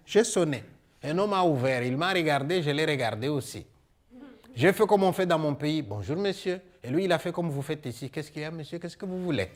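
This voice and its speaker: A man from Congo, telling his story on stage in a lively way, acting out scenes and asking the audience questions. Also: a little high. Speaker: stage performer. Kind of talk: theatrical storytelling monologue. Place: theatre hall before an audience.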